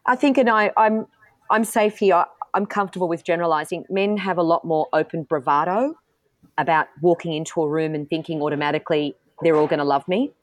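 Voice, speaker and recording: A middle-aged woman politician, a guest in an interview, gives candid answers with frankness and self-assurance, often restarting her sentences. Her voice is fairly low and a little fast, in a dry recording.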